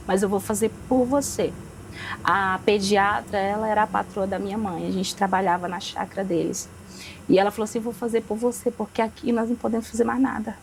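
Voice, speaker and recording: A woman's voice: a little high, a little hiss or hum, poor audio. A young woman giving a religious testimony as a podcast guest, repeating phrases for emphasis and acting out the dialogue she recalls.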